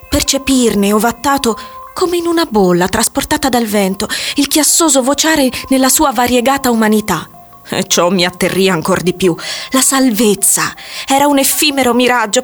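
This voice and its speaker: Woman narrating a dramatic story. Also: on the high side. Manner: measured, dramatic delivery. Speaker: audiobook narrator. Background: faint music.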